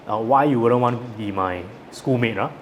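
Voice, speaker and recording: A man's voice: mid-range voice, moderate pace. A man in his thirties with a Singaporean accent, telling his story as an interview guest in colloquial Singlish with sentence-final particles. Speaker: guest, entrepreneur. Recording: clear background noise.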